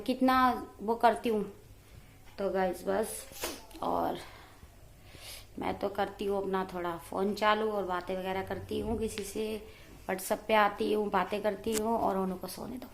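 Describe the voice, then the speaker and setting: A young woman chatting casually to her viewers in a home vlog, talkative and quick to laugh. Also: medium pitch, gravelly, slight background noise. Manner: chatty, laughs often, addresses viewers as guys. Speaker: vlogger. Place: home, indoors.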